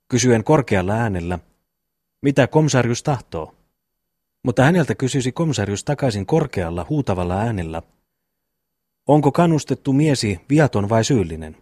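Rambling simple farm brother, man reading, low husky voice, dry booth sound. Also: animated, darkish tone, no echo. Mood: musing. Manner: rambling, folksy musing. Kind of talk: audiobook reading of a classic novel.

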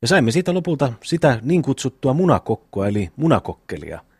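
A man's voice: medium pitch, big pitch swings, darkish tone, slightly rough, no echo, heavily acted. A man voicing a brash, bossy eldest peasant brother in a classic audiobook reading. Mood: blustering. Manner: bossy, quick to scold.

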